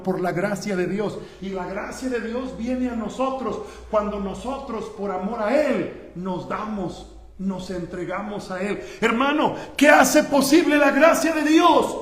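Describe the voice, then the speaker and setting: A man preaching from a church pulpit in a very high voice, swinging between loud cries and low, hushed passages. He keeps turning to address his listeners directly. The sound rings around an echoey sanctuary. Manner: impassioned preaching that swings from shouting to hushed, often calling out "hermano". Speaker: pastor. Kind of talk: sermon.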